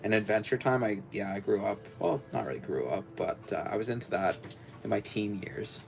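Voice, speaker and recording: Over soft background music, a young man hosts a casual building livestream in a deep, gravelly voice. He speaks briskly, though his talk is halting and meandering, full of fillers and restarts.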